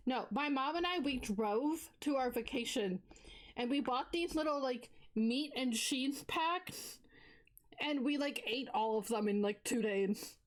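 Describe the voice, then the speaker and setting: A bubbly young woman streamer with a slightly high voice, chatting at an unhurried pace. She giggles often and narrates what she is doing in a casual, chatty way. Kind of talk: casual live-stream chat.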